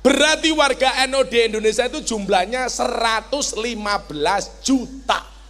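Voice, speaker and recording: Man, Javanese accent, high voice, animated sermon, joking asides, shouted exhortations. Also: moderate pace, big-room sound, faint music behind. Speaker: preacher. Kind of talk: religious sermon to a large gathering.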